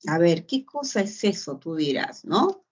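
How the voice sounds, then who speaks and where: A woman's voice: lowish voice, big pitch swings, measured pace, a little mellow, breathy edge. A woman teaching a grammar lesson, explaining patiently and checking in with short tag questions. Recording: dull lo-fi sound.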